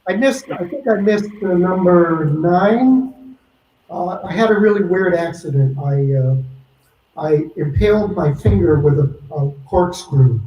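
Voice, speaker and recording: A man with a fairly high voice talks through a video-call mic soaked in reverb, and his words ring out as if from a vintage echo chamber. He chats loosely and tells stories in restarts, a guest musician on a live stream. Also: a little slow, dark tone, a little hiss or hum. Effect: heavy built-in reverb on his mic, like an old echo chamber. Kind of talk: casual chat on a live stream. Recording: echoey reverb-heavy home mic.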